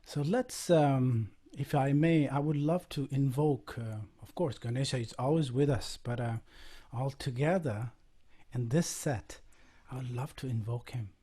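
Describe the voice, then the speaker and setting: A man from Nepal, softly guiding listeners into a devotional chant, often trailing off to a near whisper. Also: mid-range voice, husky. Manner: soft-spoken, halting, drops to near whisper. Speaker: musician leading a chant. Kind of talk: guided devotional chant session. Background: faint percussion music.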